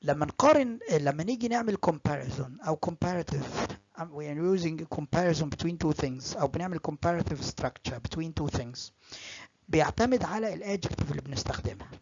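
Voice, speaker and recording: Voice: medium pitch, expressive, a little mellow, slight background noise. Egyptian-accented lecturer on a dull recording. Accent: Egyptian Arabic. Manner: repeats examples slowly and often; switches between Arabic and English. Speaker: English lecturer.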